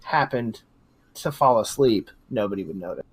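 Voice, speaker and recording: A man's voice: lowish voice, lively intonation, normal speed, husky. Man, tabletop player, casual, sweary, self-deprecating.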